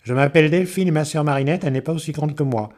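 A man voicing an eager, lively little farm girl in a storybook reading. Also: close to an everyday voice. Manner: high, bright and quick.

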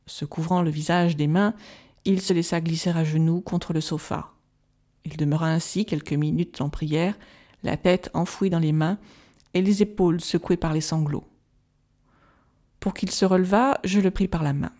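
A woman reading a gothic novel aloud as an audiobook, calm and measured, softly voicing the quoted lines. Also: on the low side. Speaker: audiobook reader. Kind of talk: scripted narration of a gothic novel.

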